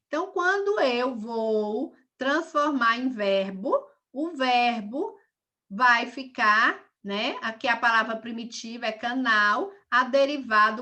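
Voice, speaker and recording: Bright-voiced woman teaching a class. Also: a little high. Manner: patient, repeats each example step by step. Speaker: primary school teacher. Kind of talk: recorded video lesson.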